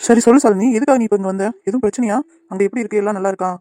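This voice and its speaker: A woman voicing a gentle, patient young man in a cartoon, soothing and reassuring the people around him. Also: mid-range voice, no room sound, studio quality, lightly acted. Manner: soothing, reassuring, quick talking. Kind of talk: cartoon voice acting.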